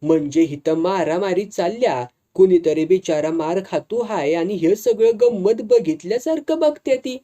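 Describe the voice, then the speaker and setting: A brash, hot-tempered village man, as a storyteller puts him on barks in a rough rural Marathi dialect. The voice is dark and mellow. It sits in a told folk tale. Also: sits high, lively intonation, moderate pace, hardly any pauses. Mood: indignant.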